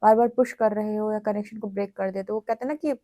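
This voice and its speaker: An Indian woman gives a tarot reading and talks straight to her viewers in a chatty, reassuring way. Her voice sits at an ordinary middle pitch. The recording is dry and close, with no room echo. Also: steady tone, quick pace, dark tone. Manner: chatty, addresses viewers directly in Hinglish. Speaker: tarot reader.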